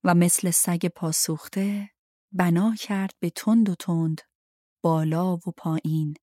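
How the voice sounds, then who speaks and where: A woman reading a novel aloud in a steady, even storytelling manner. Her voice sits low for a woman. The recording is dry and close. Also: dry recording. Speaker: narrator. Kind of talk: audiobook narration.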